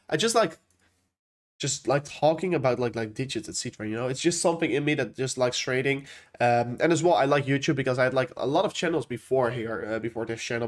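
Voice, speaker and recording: A young Dutch man with a Dutch accent hosts a casual crypto livestream, rambling through viewers' questions with plenty of fillers. His voice is medium in pitch.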